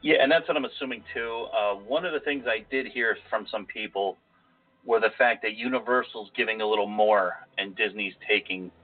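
A man's voice: on the low side, brisk. Nasal-voiced man, lo-fi podcast audio. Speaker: podcast co-host. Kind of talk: casual podcast chat. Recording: phone-like lo-fi audio with faint music.

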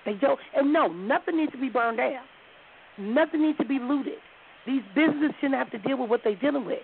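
Male talk host, firm questioner, strained voice; raspy, higher register, phone-quality audio. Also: fairly quick, slight background noise. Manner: firm, steering the callers with questions. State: losing his voice. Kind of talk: live call-in talk radio.

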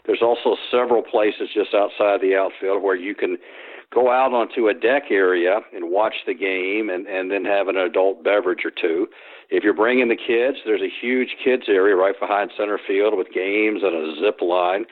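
Speaking steadily at a moderate pace in a lowish voice, a male sports historian responds to an interviewer on the telephone. The phone audio is tinny, and his answers ramble with many fillers and restarts.

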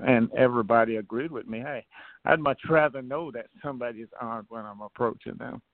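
A man's voice: medium pitch, a little fast, no room sound. A man from Trinidad and Tobago, a political candidate, speaking earnestly as a guest on a talk show with many fillers and restarts. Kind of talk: phone-in interview, casual. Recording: tinny phone line, dry.

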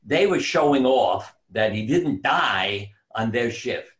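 Unhurried storytelling male surgeon guest. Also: medium pitch, expressive. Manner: unhurried, reflective, drifts into soft quiet tones. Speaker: surgeon and author, interview guest. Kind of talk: conversational storytelling.

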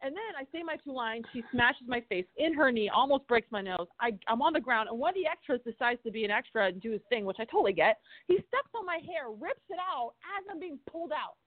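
A woman, an actress and stunt performer, telling animated stories from film sets in a casual interview, swearing and acting out quotes. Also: fairly high pitch, quick pace, few pauses, no echo. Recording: dry thin phone-like sound.

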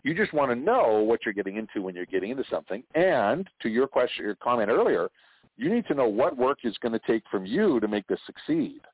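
A Canadian man, a franchise consultant, is a guest on an interview call, chatting casually, telling stories and joking with frequent laughter. His medium-pitched voice is sing-song, fairly quick and a little breathy, heard dry over a tinny phone line.

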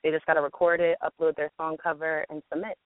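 A woman's voice: deep voice, flat delivery, fast talker, dry recording. Woman talking over a tinny phone line. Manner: chatty, with many ums and fillers. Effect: heard over a phone line. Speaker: guest from a music platform's marketing team. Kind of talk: phone-in radio interview.

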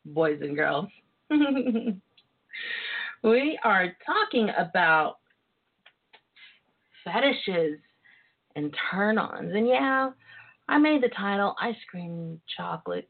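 A woman's voice: on the low side, gravelly, husky. A woman with a Southern US twang hosting a talk show in a casual, sassy, flirtatious way, full of endearments. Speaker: podcast host. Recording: tinny phone-line internet radio sound.

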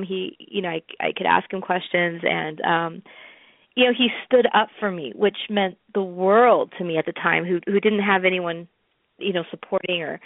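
Woman interview guest, gravelly voice, chatty storyteller, dry tinny phone sound. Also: medium pitch, dry recording. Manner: chatty storyteller, many fillers and restarts, laughs often. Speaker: interview guest, music promoter. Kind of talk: casual interview talk.

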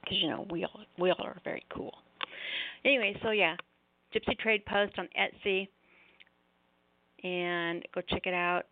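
Leaving long pauses, a middle-aged woman hosts a poetry open mic at a slightly slow pace, her low voice fairly even in intonation. She rambles, apologizes and cuts herself off, and her speech is a little off after jaw surgery. The audio comes through as a thin, roomy phone line.

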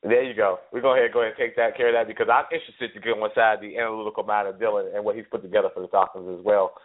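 A man with a head cold and a stuffy voice, hosting a casual sports podcast. He talks in a relaxed way, laughs easily and often repeats his words. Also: lowish voice, rapid-fire. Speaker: podcast host. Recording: phone-line audio.

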